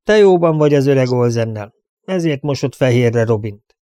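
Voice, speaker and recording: A man's voice: medium pitch, animated, dark tone, clear, resonant tone, no room sound, clean studio sound, close to an everyday voice. A man reading as a resentful farmer. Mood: accusing.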